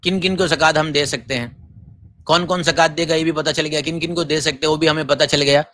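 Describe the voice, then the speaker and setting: A man, a mufti from Gujarat, giving a forceful lecture on religious rules and firing off rhetorical questions. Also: on the high side, fairly even intonation, dry recording, clean studio sound. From Gujarat, India. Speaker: mufti teaching Islamic law.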